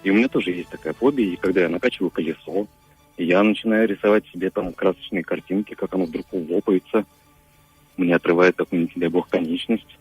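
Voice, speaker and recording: A man from Moscow calling a radio show, speaking haltingly as he searches for words. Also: low-pitched, slightly rough, no echo, dull audio, soft background music. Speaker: caller. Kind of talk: phone-in question.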